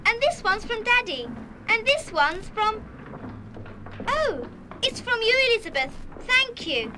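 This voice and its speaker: A woman's voice: extremely high pitch, very animated, unhurried, noisy background, heavily acted. An actress playing a shy, sweet schoolgirl of about eleven in a children's radio play, speaking earnestly. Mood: delighted, touched. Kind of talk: 1970s full-cast children's radio play acting.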